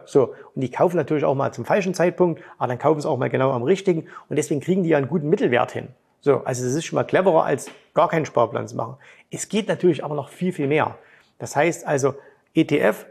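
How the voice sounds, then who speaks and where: A man with a somewhat high, gravelly and husky voice, talking casually in a podcast monologue. He is eager and chatty, often ending a thought with a quick questioning tag and now and then throwing in a playful sound effect. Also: a little mellow. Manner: chatty, tags sentences with "ne?"; enthusiastic, with sound effects like "bumm" and "brrrt". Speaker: trading coach and podcast host.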